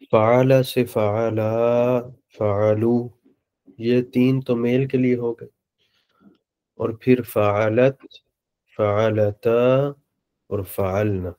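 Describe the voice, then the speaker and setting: Patient teacher, man, low mellow voice, repeats words slowly for students. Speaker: Arabic teacher. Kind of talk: online lecture in Urdu.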